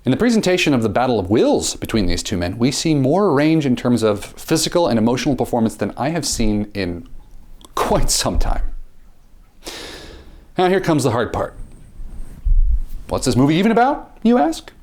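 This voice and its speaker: A man's voice: sing-song, a little mellow. Theatrical man reviewing a film. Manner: theatrical, with dramatic pitch swings and slowed emphasis; repeats words at the start of phrases.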